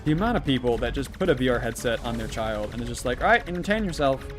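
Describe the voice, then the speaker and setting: A man's voice: medium pitch, expressive, fast talker, faint music behind. A man livestreaming while he plays, chatting casually with many fillers, restarts and chuckles, over a gaming stream.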